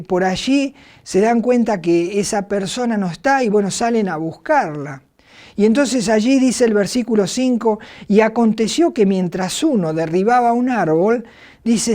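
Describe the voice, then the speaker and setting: A middle-aged woman with an Argentine Spanish accent preaches by retelling a Bible story in a warm, medium-pitched voice. She sounds hesitant, with many fillers and restarts.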